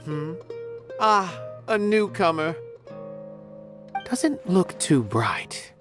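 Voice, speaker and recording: A woman with a lowish voice and big pitch swings gives a full character performance as an aloof, condescending theater philosopher in a video game. She sounds pompous and musing, with deliberate phrasing, and faint music plays behind her.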